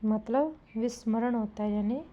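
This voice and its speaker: Slow-talking woman teacher drilling spellings. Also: on the high side, dull audio. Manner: repetitive, drilling, asks students questions. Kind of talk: Hindi spelling lesson for exam students.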